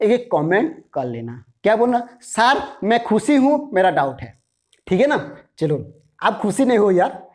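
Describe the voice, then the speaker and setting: Chatty math teacher. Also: male voice, very high voice, a little mellow. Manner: chatty, repeats "theek hai", coaxes viewers to answer aloud. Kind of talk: chalkboard math lesson.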